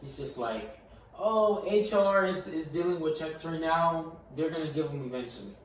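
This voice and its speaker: On a laid-back podcast, a young male co-host recounts a story animatedly, tripping over and repeating his words. His pitch is fairly high and his speed normal. An echoey space, faraway microphone, and faint noise color the recording.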